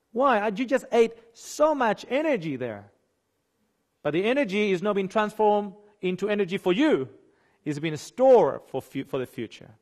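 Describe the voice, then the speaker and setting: Animated man giving a nutrition seminar. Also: high-pitched. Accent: Spanish-speaking. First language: Spanish. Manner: animated, questions the audience, acts out quoted people; slips and restarts words. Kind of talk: seminar lecture.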